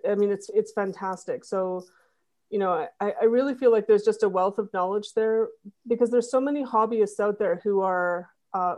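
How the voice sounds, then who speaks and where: A woman with a medium-pitched, dark-toned voice is a guest on a podcast, chatting casually. She rambles, with many fillers and restarts.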